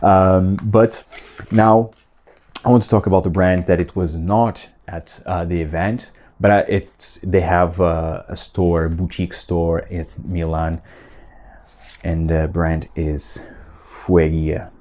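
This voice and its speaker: Deep-voiced man, enthusiastic and halting. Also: level tone, a little mellow. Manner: enthusiastic, halting with many fillers and restarts. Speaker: fragrance vlogger. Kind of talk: casual talk to camera.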